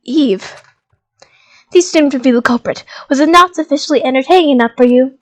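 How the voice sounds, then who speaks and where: A reader voicing a calm female robot announcer who gives cool, measured commands. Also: high-pitched, voice pushed down, natural voice. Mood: commanding.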